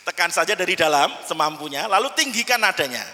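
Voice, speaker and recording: A man's voice: sits high, fast. A man teaching a storytelling workshop, playful and demonstrative with his class. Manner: lively, demonstrative, playful with the audience. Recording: long hall reverb.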